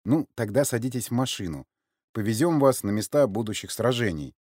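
A man's voice: medium pitch, expressive, fairly quick, darkish tone, dry recording, clean studio sound, close to an everyday voice. A man reading an audiobook, voicing a wry, polite man who coaxes others along. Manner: wry, coaxing. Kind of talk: audiobook character voice.

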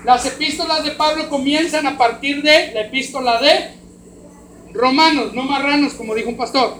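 Mexican pastor preaching in an echoey hall. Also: male voice, very high voice, normal speed. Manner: swings from hushed to loud, emphatic preaching. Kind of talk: sermon. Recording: roomy hall echo, faint background noise.

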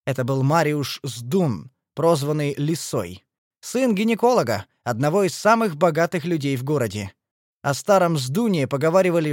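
A man narrates a first-person story with an animated, rising-and-falling delivery. His voice sits slightly high for a man. The recording is dry and close. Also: no echo. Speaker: audiobook narrator. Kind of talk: expressive audiobook reading.

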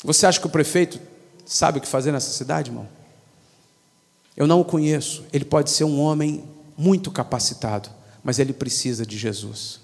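A man with a Brazilian Portuguese accent preaching a sermon, emphatic and rhetorical, moving between loud declarations and hushed asides. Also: on the high side, brisk, gravelly. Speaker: pastor. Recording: long hall reverb.

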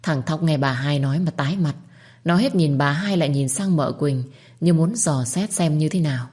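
Low-voiced woman reading a story. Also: normal speed, darkish tone. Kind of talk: scripted narration.

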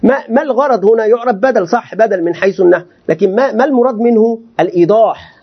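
A sheikh teaching a class with a high, quick voice, firing questions at his students and answering them himself. The recording sounds dull and lo-fi. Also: husky. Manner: animated, questioning students rhetorically. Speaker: sheikh teaching Quranic commentary. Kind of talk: classroom lecture.

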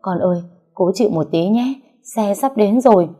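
A woman's voice: on the low side, moderate pace, warm tone, faint music behind, close to an everyday voice. A woman doing a harsh, scolding mother-in-law. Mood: frantic. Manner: scolding and commanding.

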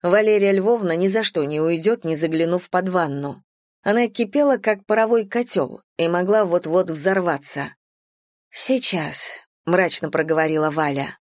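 A woman narrating an audiobook in an expressive, varied tone, close to the mic. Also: lowish voice, normal speed, no room sound. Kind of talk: scripted narration.

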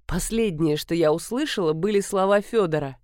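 A woman narrating an audiobook with a lively, expressive reading. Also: fairly low pitch, normal speed, smooth, dry recording, clean studio sound. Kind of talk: audiobook narration with character voices.

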